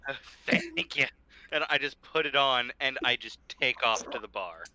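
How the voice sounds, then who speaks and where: A man's voice: mid-range voice, lively intonation, normal speed, sharp tone, a little hiss or hum. A man playing a tabletop game, hesitant and checking the rules. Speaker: player.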